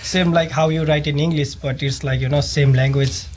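A man's voice: on the high side, fairly even intonation, moderate pace, darkish tone. A man from Nepal, a sous chef, explaining things hesitantly with many fillers in a casual interview.

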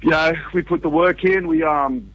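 Over a dull, dry phone line, a man talks in a husky voice. He is a musician being interviewed, chatting informally and haltingly. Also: a little high, level tone, dry recording. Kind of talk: casual chat. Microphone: phone call to radio show. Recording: dull, band-limited phone call.

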